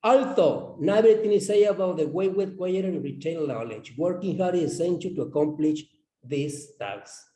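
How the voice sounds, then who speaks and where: A man explaining his classroom lesson plan as an English teacher, halting and repeating words as he goes. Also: fairly high pitch, dark tone. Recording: roomy echo.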